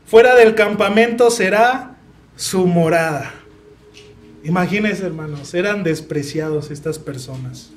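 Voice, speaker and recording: A man's voice: sits high, a little hiss or hum. A young man preaching a sermon in a Mexican Spanish accent, earnest and personal, often asking the congregation questions.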